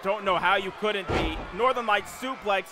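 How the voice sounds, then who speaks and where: A young man doing excitable play-by-play as a wrestling commentator on a video game stream, full of exclamations. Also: high-pitched, normal speed, background noise. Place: indoor gaming room.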